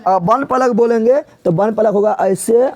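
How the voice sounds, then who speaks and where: A man's voice: high voice, moderate pace, darkish tone. A man teaching a physics class, drilling his students with repeated questions. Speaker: tutor.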